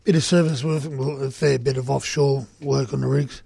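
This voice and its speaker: Australian male, heavily gravelly and husky, blunt colloquial storyteller for casual radio chat, close dry sound. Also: medium pitch, fairly even intonation, moderate pace, mellow, no room sound. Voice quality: gravelly, rough. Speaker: union organiser reporting on site visits. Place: community radio studio.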